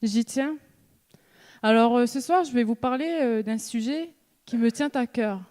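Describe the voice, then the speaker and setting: On a stage in a hall before an audience, a young adult student from New Caledonia competes in an eloquence contest. She speaks slowly and deliberately with long dramatic pauses, her high voice sounding mellow and dark. Rhetorical questions and repeated refrains build her speech.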